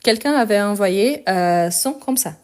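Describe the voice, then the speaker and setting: A woman's voice: mid-range voice, lively intonation, measured pace, a little mellow. Woman teacher explaining french sounds on a live stream, patient, keeps asking "ok?". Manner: explanatory, repeats key points with "ok?" checks. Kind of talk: live online language lesson.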